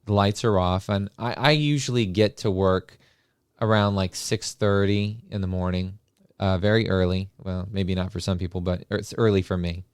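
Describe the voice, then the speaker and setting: A low-pitched man tells a story in a casual, animated way, full of hesitations and fillers. His voice is smooth and resonant. It is recorded close and dry, with no room sound. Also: normal speed, no room sound. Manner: animated anecdote-telling with many filler sounds. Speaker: podcast host and classroom paraprofessional.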